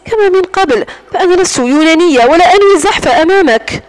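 A woman's voice: very high voice, expressive, fast talker, pitched above the performer's own voice. A woman voicing a defiant, scornful young captive. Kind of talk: audiobook narration.

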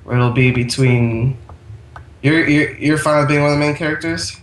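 A man's voice: a little high, moderate pace, far from the mic, faint music behind. A young man joking around and groaning dramatically in casual chat while playing a game. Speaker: gamer. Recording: echoey room mic from afar, faint hiss.

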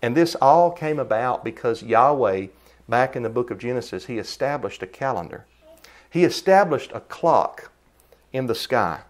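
A man preaching a sermon in an emphatic style, his voice jumping up in pitch and loudness to stress points. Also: expressive, normal speed.

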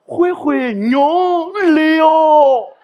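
A man voicing his elderly grandmother, who calls out in high, crying, joyful cries to her grandson from a distance. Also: drawn-out words, lo-fi sound, exaggerated voice. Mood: overjoyed calling.

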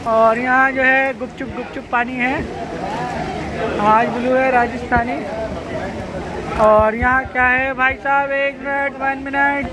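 A woman's voice: high voice, level tone, crowd noise, rough recording. A woman narrating a walking travel vlog from a rocky gorge, chatting to viewers and calling them guys. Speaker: vlogger. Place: outdoors in a rocky gorge with flowing water. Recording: loud rushing water noise behind.

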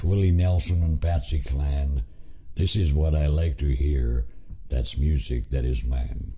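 A man with a reciting poetry in a folksy, halting storyteller's way. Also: a bass voice, warm tone, slightly rough. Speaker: cowboy poetry narrator.

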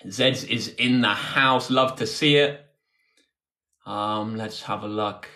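In his twenties and British-accented, a man hosts an informal tutoring livestream indoors near a tripod-mounted phone, answering questions from viewers. His fairly low voice moves at a slow pace and sounds pushed and bright.

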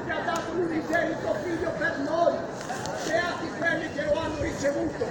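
A man proclaims in a high, ringing voice, slow and deliberate, preaching across an outdoor market. He is recorded from a distance on a phone, with echo and a loud crowd all around him. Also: little pitch movement. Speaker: street preacher. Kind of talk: open-air street preaching. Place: busy outdoor street market. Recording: roomy, distant, crowd noise.

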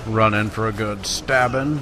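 Over music and the sounds of a video game battle, a man hosting a let's play delivers laid-back gameplay commentary with a wry, self-mocking edge. His voice is fairly low and steady at a moderate pace, and the recording is clearly noisy with game audio behind him.

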